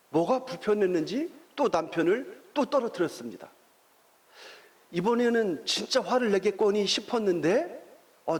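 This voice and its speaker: A man preaching a sermon as pastor, telling a story with long pauses and drawn-out fillers and putting questions to the congregation. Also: sits high.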